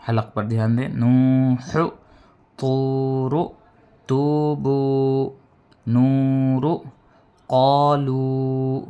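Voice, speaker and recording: A man teaching Quran reading in a recorded lesson. He drills syllables slowly, drawing out the vowels, and explains each rule patiently. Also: mid-range voice.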